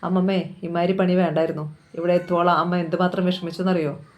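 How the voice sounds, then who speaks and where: An angry young grandson raises his voice at his grandmother for the first time, full of reproach, read by a woman. The delivery stays even in pitch throughout. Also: fast talker, highs cut off, lightly acted. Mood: reproachful.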